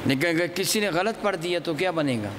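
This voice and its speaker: A man teaching a Quran recitation class, chanting example verses slowly and quizzing his students. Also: on the high side, animated, in a large hall, background noise. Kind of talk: classroom religious lesson on recitation.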